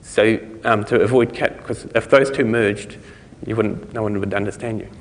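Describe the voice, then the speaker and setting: A man's voice: on the low side, fairly even intonation, moderate pace, long reverb tail. A man giving a conversational conference talk, explaining things step by step. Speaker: conference speaker.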